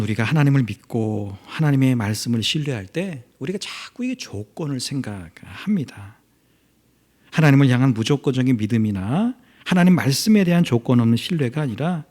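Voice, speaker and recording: A male pastor giving a midweek prayer service sermon, talking to the congregation, rising to loud emphasis and dropping to near-whispers. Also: mid-range voice. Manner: animated preaching, swings between loud emphasis and near-whispers; conversational, addresses congregation directly.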